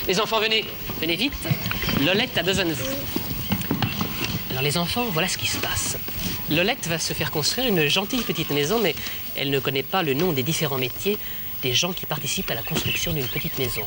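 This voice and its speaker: A man's voice: fairly high pitch, expressive, a little fast, background noise, close to an everyday voice. A man playing a kindly, reassuring presenter in a children's television show, encouraging and didactic, often repeating himself. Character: kindly, reassuring male friend and teacher.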